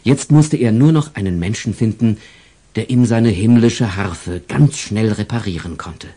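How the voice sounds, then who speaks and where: A man narrating a children's story in a lively, expressive way. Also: fairly low pitch, measured pace, husky.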